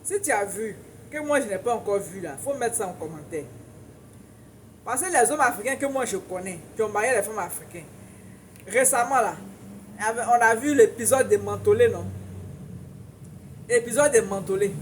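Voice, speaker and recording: Emphatic high-voiced Ivorian woman. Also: animated, moderate pace, long pauses, slight background noise. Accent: Ivorian French. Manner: emphatic, preachy, laughs often, repeats for emphasis. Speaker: relationship advice commentator. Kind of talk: casual advice monologue to viewers.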